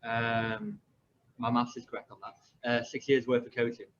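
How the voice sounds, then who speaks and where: A man's voice: mid-range voice, lively intonation, normal speed, a bit bright, highs cut off, slight background noise. A man in his twenties, a football coach hosting a podcast, telling stories in a rambling casual way with many fillers. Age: 20s.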